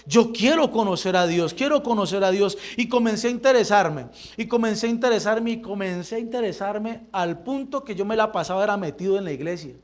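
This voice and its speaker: A middle-aged man tells his conversion story to a congregation in an unusually high voice. He talks fast and vividly and acts out every voice in the story himself. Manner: animated storytelling, acting out quoted dialogue. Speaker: church member giving testimony. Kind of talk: testimony in a church service.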